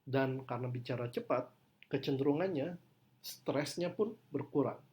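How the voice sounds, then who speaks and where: A man's voice: medium pitch, moderate pace, highs cut off. A man lecturing on English pronunciation, explaining in his own language and speaking example sentences with exaggerated stress.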